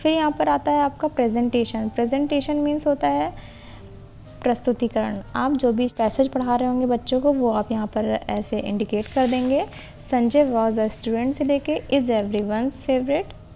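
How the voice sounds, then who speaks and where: A young woman with an Indian accent, explaining a lesson plan step by step and reading the English lines out slowly. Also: on the high side, fairly even intonation, gravelly, dark tone, a little hiss or hum, poor audio. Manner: mixes Hindi and English, reads English lines slowly. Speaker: teacher-training tutor.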